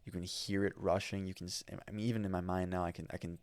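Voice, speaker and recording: A man's voice: sits low, level tone, fast talker, darkish tone, dry recording. An American man hosting a solo podcast, talking casually about his travels with plenty of fillers and restarts into a microphone. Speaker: podcast host. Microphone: studio microphone.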